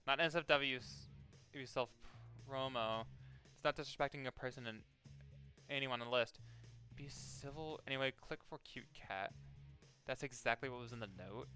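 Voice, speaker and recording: A man's voice: mid-range voice, sharp tone. A young man streaming a game, chatting casually and reading game text aloud, rambling with many fillers and restarts and swearing freely.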